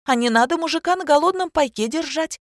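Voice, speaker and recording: A woman voicing a brazen young mistress who talks in a loud, high, accusing way. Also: sing-song, normal speed, no room sound, clean studio sound.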